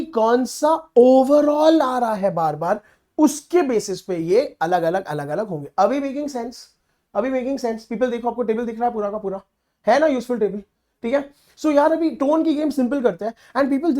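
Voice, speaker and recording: A man teaching online exam prep in an energetic, chatty lecture style, coaxing his students along. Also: very high voice. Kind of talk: online lecture mixing Hindi and English.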